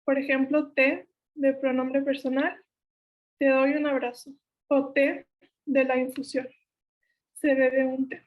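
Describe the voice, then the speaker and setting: A woman's voice: sits high, slow pace, pauses often, narrow, tinny audio. A young woman with a Mexican Spanish accent steadily explaining spelling rules step by step, correcting herself now and then. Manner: steady list-like delivery, self-corrects. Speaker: workshop instructor.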